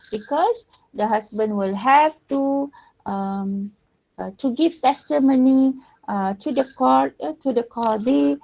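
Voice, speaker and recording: A woman giving a lecture to her students, pausing often with fillers and checking in with "yeah" and "eh". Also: fairly high pitch, dark tone, highs cut off. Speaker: university lecturer. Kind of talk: recorded online lecture.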